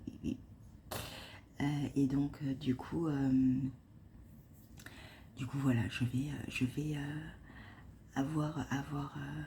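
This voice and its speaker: A woman whispering and speaking very softly in a hushed early-morning vlog, hesitant, with many fillers and restarts. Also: deep voice, a little hiss or hum. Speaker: vlogger. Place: at home before dawn.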